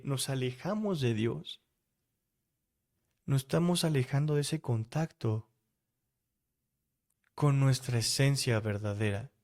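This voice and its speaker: Earnest Mexican preacher addressing the listener. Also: male voice, medium pitch, a little mellow. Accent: Mexican Spanish. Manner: earnest, talks straight to the listener with rhetorical questions. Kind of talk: devotional sermon.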